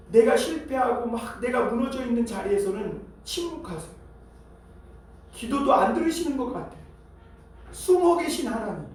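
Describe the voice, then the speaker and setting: Male pastor, sermon, high voice, distant mic, very reverberant church. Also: darkish tone. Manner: preaching to a congregation, reading scripture aloud with pauses. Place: church sanctuary. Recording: very echoey church hall from far off.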